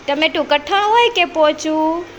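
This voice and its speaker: Woman preschool teacher, very high voice, unhurried patient questioning, faint room hum behind. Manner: slow, patient, repeats each child's answer. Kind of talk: classroom questioning of small children. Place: preschool classroom.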